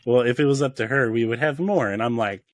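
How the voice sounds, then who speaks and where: A man's voice: medium pitch, fast talker, dry recording. A man on a podcast call, telling rambling stories with many restarts and laughing at his own jokes. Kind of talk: casual chat, storytelling.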